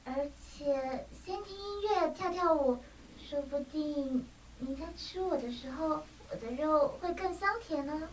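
A woman's voice: high-pitched, measured pace, slight background noise, poor audio. A woman doing a timid stammering little lamb. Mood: coaxing. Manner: stammering, pleading. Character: small timid clever lamb, childlike.

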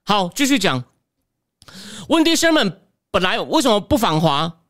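A man's voice: high voice, very animated, normal speed, a bit bright, no room sound, studio quality. A man with a Taiwanese Mandarin accent hosting a solo political commentary show, opinionated and firing rhetorical questions at the viewer.

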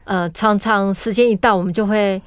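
A woman's voice: medium pitch, steady tone, moderate pace, smooth, dry recording. A middle-aged woman with a Taiwanese Mandarin accent, co-hosting a casual studio podcast and speaking through a face mask. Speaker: podcast co-host. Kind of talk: casual chat. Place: recording studio.

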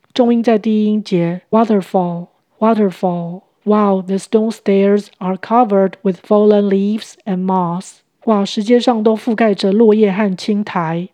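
A woman with a warm, relaxed voice hosts a podcast English lesson. She explains each word patiently and step by step, then reads the example phrases slowly. Her voice is recorded dry and close on a studio mic. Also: mid-range voice, dry recording. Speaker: podcast host and English teacher.

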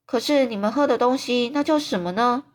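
A woman's voice: a little high, brisk, voice pushed up, lightly acted. A woman voicing a polite, curious little girl who asks eager questions.

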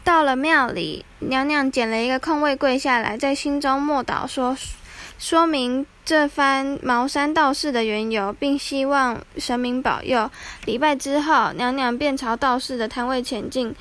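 High-voiced woman reading a folktale. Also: fairly bright tone. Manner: measured, dramatic reading. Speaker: storyteller. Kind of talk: scripted storybook narration.

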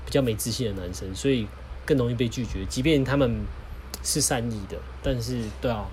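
A man's voice: medium pitch, a little fast, a little mellow, slight background noise. A man co-hosting a podcast, telling stories in a joking, boastful way. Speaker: podcast co-host. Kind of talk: casual chat.

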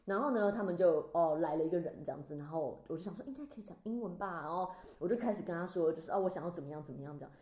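A woman co-hosting a casual chat podcast, telling lively stories and acting out the scenes she describes. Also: on the low side, fast, hardly any pauses. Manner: animated storyteller, acts out scenes. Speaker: podcast co-host. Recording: roomy echo.

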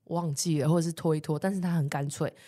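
A woman chats on a podcast in a slightly low voice. She tells her story with animated energy, often laughing and playing out the voices of the people she quotes. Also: quick pace. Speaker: podcast co-host. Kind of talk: casual chat, storytelling.

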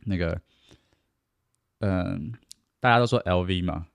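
Chatty low-voiced man. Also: slow pace, gravelly, smooth, no room sound. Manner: chatty, acts out boastful people, laughs at himself. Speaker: self-help speaker. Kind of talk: casual advice talk.

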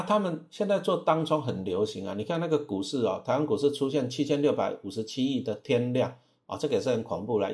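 A man's voice: medium pitch, a little mellow. A man with a Taiwanese Mandarin accent, a stock trading teacher talking casually about investing, peppering his speech with filler sounds and rhetorical questions.

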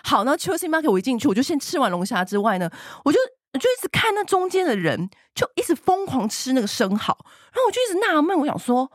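A woman, co-hosting a podcast and telling a travel story in a gushing, animated way. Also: high-pitched, fast, hardly any pauses, no room sound, clean studio sound. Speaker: podcast co-host. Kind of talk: casual chat, travel storytelling.

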